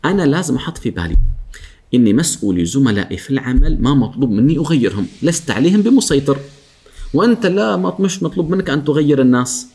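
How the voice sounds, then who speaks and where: A man, a guest speaker on workplace etiquette, talking in a lively way, acting out coworkers' lines and often laughing. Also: mid-range voice, quick pace, breathy edge. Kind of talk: animated talk show chat.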